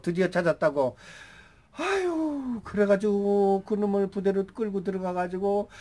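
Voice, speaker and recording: A man in his sixties telling a personal story in casual, rough speech, swearing freely and breaking into shouts when he quotes himself. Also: on the high side. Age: 60s. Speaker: channel host.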